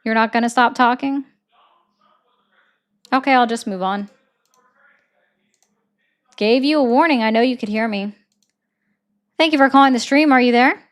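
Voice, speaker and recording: On her livestream, a woman takes calls and spars with each caller through repeated, sharp, sarcastic questions. Her voice is clean and a little high, at normal speed, with frequent pauses.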